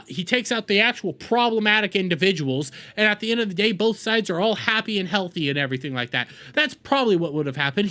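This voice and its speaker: Heated and profane, this reaction-video host repeats himself again and again during an angry commentary rant, his voice high-pitched, bright and forceful.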